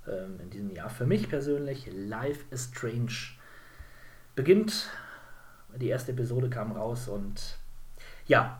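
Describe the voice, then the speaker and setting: A man's voice: medium pitch, slight background noise. Chatty man rambling through a games podcast. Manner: rambling, many fillers and self-corrections. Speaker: podcast co-host. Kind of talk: casual game podcast chat.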